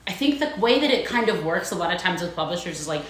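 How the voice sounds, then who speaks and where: A woman's voice: on the low side, animated, fast. A woman author chatting casually on a phone livestream at home, rambling and laughing often. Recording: roomy echo.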